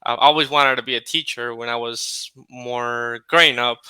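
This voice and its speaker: A friendly male English tutor from California, United States, speaks in a bright, crisp, mid-range voice on a casual video call. The recording is dry and close, and he sounds relaxed, using many fillers and pauses.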